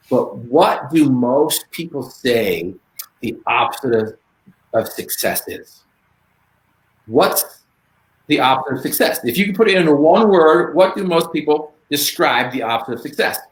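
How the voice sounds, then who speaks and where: A man giving a motivational talk as a guest speaker, lively and storytelling, acting out bits of dialogue. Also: medium pitch. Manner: animated storyteller, acts out dialogue in quick voices. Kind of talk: motivational talk on a live stream. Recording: echoey room.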